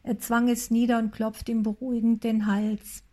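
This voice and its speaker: A woman reading a story aloud in calm, measured scripted narration. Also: a little high.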